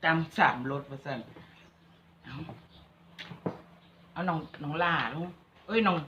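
A woman's voice: low voice, slow, a bit bright, a little hiss or hum. A woman with an Isan accent hosting a cooking vlog, chatting and teasing while talking straight to her viewers. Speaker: vlog host. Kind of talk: casual cooking vlog chat. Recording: dull lo-fi recording.

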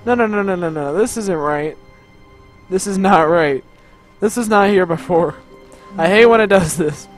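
A man's voice: sits high, normal speed, soft background music. A man giving casual let's-play commentary, chatty and reactive, laughing easily. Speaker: gamer.

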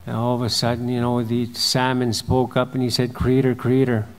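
A man, a mayor giving opening remarks at a symposium, telling a legend in a measured, repetitive storytelling cadence. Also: mid-range voice, completely flat delivery, smooth. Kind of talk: storytelling speech. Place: conference hall. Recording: long hall reverb.

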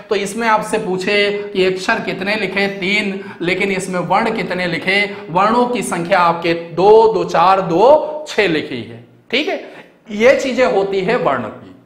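Male tutor, high voice, patient step-by-step explainer, recorded in a reverberant room. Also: a bit bright. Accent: Hindi, North Indian. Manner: explanatory, repeats key words, asks and answers own questions. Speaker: teacher. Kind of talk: exam-prep grammar lecture.

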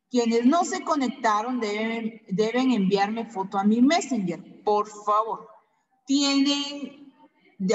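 Woman teacher drilling words slowly. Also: on the high side, in a large hall, dull audio. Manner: slow, repeats each word for pupils. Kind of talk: online class teaching.

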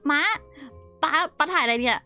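A woman's voice: high voice, bright, forceful tone, faint music behind. A young woman casually telling stories while showing old photos, chatty and often laughing. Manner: giggly, chatty, frequent laughter and quick asides. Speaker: streamer.

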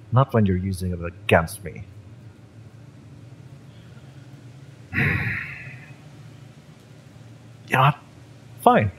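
In a scripted romance audio roleplay, a man plays a fiery mercenary who is cocky, exasperated, and menacing yet familiar. His low voice swings expressively with a fairly bright tone and a full character voice as he taunts slowly and sardonically in an exasperated mood, over noticeable ambient noise.

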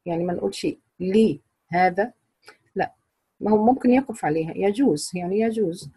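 Husky-voiced Egyptian woman teaching. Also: medium pitch, fast, dark tone, no echo. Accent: Egyptian Arabic. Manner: patient, explanatory, quizzes students. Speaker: Quran recitation teacher. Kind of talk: explaining recitation rules to a class.

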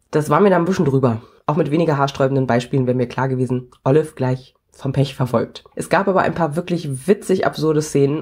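A woman's voice: low-pitched, darkish tone, husky. A woman hosting a book podcast, giving chatty, opinionated reviews in a matter-of-fact way.

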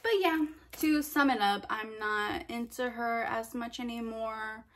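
A woman's voice: fairly high pitch, steady tone, a little slow, fairly bright tone. A young woman chatting casually in her apartment for a vlog, tired and sleepy, with lots of "like" and "girl". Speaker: lifestyle vlogger.

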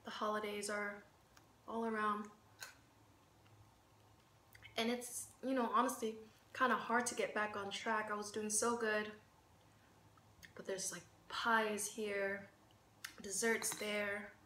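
A woman's voice: medium pitch, unhurried. A woman vlogger chatting casually to her viewers while eating, talking with her mouth full. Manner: relaxed, chatty, addresses viewers directly. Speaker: mukbang vlogger. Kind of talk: casual eating show chat. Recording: echoey room with faint ambient noise.

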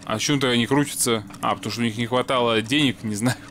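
A man's voice: medium pitch, fairly even intonation, fast, a bit bright, a little hiss or hum. A man playing a puzzle game with a friend, chatting casually and muttering mild curses as he works things out. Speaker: let's play gamer. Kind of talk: casual co-op gameplay chat.

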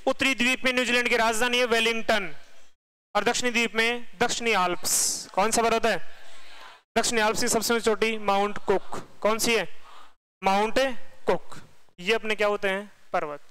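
Bright high-voiced male teacher quizzing. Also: steady tone, normal speed, smooth, low-quality recording. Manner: quizzing questions then answering them. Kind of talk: exam-prep lecture. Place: online class.

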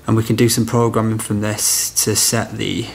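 Demonstrating a product in a small room of a house, an electrician in his thirties talks through the job practically, one step at a time. His fairly low voice has vocal fry and a flat delivery at a moderate pace.

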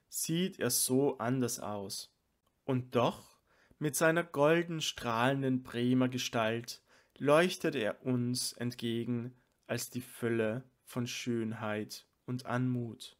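An elderly-minded sage, devoted and tearful, speaks with reverent emotion, read aloud by a man. The delivery is slow and measured, as in an audiobook of a sacred play. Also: medium pitch, lightly acted. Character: tearful devoted male sage, overcome with love.

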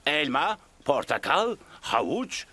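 A man's voice: a little high, very animated, slow, pushed and bright, breathy edge, heavily acted. A man voicing a cheerful celebrity potato who presents a children's cartoon fitness show in an emphatic, showy way. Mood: enthusiastic. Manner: exuberant, emphatic, showy delivery.

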